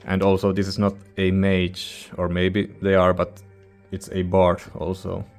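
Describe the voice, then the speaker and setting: A deep, monotone male voice, slightly slow and mellow, speaks over soft background music. He is a music reviewer hosting his own channel, a non-native English speaker whose review is casual, rambling, and hesitant as he hunts for words.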